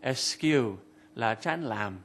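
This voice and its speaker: A man's voice: medium pitch, expressive, extremely slow, very noisy. A man presenting an English vocabulary lesson, explaining words and translating example sentences in scripted narration.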